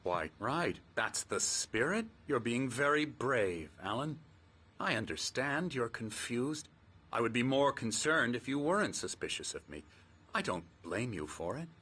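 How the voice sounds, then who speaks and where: Condescending psychiatrist, animated delivery. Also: male voice, medium pitch, measured pace, slightly rough, heavily acted. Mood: patronising, genial. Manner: patronising, falsely soothing. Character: smooth, condescending, controlling male psychiatrist running a clinic. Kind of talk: dramatic video game dialogue. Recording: music playing behind.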